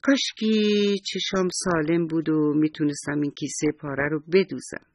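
A man voicing a kind, gentle old woman in a children's bedtime story, with a soft, sighing manner and a husky voice. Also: a little high, steady tone, natural voice. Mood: wistful.

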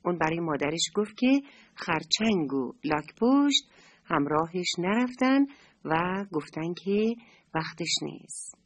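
Lively, breathy woman reading to children. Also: lowish voice. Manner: addresses children warmly and directly. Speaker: storyteller. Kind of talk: children's story narration.

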